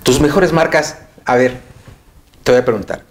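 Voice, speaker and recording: A woman's voice: a bass voice, normal speed. A woman interviewing a runner, reading off race results between brief affirmations. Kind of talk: casual interview.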